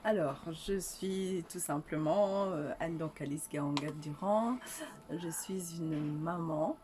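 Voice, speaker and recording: Soft-spoken older woman from Rwanda. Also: deep voice, slow pace, noisy background. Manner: hesitant, many restarts and fillers. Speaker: author being interviewed. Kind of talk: casual interview.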